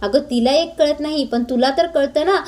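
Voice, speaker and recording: In this serial recap, a high-voiced old grandmother, read out by a woman narrator, scolds and nags about spending. The delivery stays close to an everyday speaking voice, with a fussy, reproachful edge. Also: normal speed, darkish tone, close to an everyday voice. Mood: scolding. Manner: scolding, nagging.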